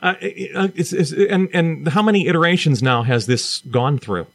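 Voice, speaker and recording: A man's voice: a little high, expressive. A man hosting a community radio interview show, often restarting and repeating words as he asks his questions. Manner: halting, repeats words when starting a question. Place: radio studio.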